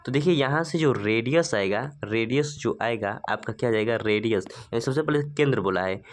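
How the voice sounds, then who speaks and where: Male maths teacher, patient step-by-step explainer using rhetorical questions. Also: medium pitch. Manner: asks rhetorical questions and answers them; slow, stepwise working-through. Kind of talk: spoken maths lesson.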